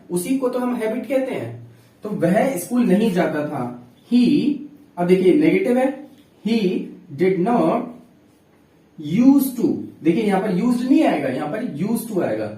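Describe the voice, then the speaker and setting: A man's voice: high-pitched, expressive, takes it slowly, warm tone, echoey room, distant mic, low-quality recording. A man teaching a grammar lesson, explaining patiently and dictating example sentences word by word. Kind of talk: classroom-style grammar lesson.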